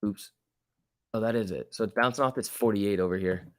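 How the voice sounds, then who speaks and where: A man's voice: on the low side, fairly quick, dry recording, studio quality. A man hosting a live stock trading stream, chatting casually in slangy, chummy off-the-cuff commentary as he answers viewers. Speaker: stock trading livestream host.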